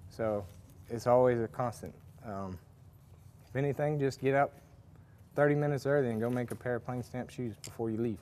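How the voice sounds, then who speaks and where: A man with a mid-range, slightly mellow voice speaks at normal speed as he gives a farrier demonstration. It's relaxed, hands-on workshop talk among the forges, meandering and heavy with fillers and restarts.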